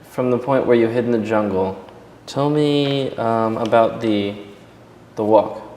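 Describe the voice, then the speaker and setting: A man's voice: medium pitch, unhurried, darkish tone. A man interviewing, asking short questions in a hesitant way with fillers. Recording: long reverb with faint background noise.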